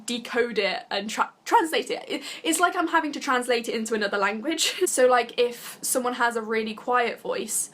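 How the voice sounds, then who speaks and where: A woman's voice: fairly high pitch, normal speed, hardly any pauses, fairly bright tone. A young woman from Britain chatting casually to camera as a vlogger, giggly and full of fillers. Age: young adult. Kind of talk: casual vlog talk to camera.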